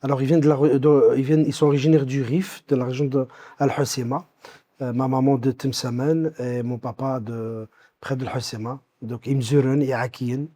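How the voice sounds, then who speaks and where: A Belgian-born man in his fifties, recounting his life story as an interview guest, with many pauses and restarts. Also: mid-range voice, steady tone, warm tone. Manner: hesitant, many fillers and restarts.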